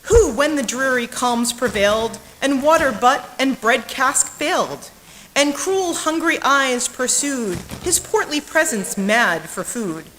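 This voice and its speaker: A woman on the bema team speaks slowly in a high, animated, somewhat bright voice while testing podium microphones live. The stream is hissy, and at times she is off mic or far from it.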